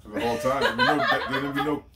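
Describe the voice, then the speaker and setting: A man's voice: medium pitch, fairly even intonation, quick pace, heavy background noise. A man joking and teasing from off camera in casual banter. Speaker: partner off camera.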